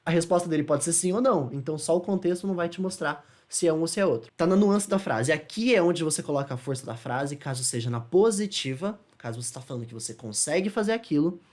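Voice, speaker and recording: Brief: male Brazilian Portuguese speaker, relaxed online English tutor, talks casually, stops to check understanding, slows for example phrases. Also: a little high. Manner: chatty, asks checking questions, slows to demonstrate English phrases. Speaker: English teacher. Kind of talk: casual explanatory lesson.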